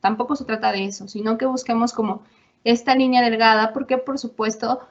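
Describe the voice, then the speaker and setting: A Mexican university lecturer gives an informal lecture in a higher, fairly even voice at a fairly quick pace, with a Mexican Spanish accent. She's chatty and conversational, acts out quoted voices, and uses lots of tag questions. The lo-fi audio sounds dull.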